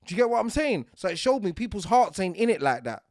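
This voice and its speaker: A man hosting a podcast, talking in an animated, insistent monologue and often checking that the listener follows him. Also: sits high, fast talker, no echo, studio quality. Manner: animated and insistent, keeps asking "do you get what I'm saying". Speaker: podcast host.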